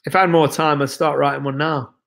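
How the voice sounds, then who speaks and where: Quick-paced and gravelly, with a slightly high voice, this young livestream host reads out comments from viewers and chats in a loose way. Illness has left his voice somewhat worn; his manner is laid-back, meandering and full of fillers.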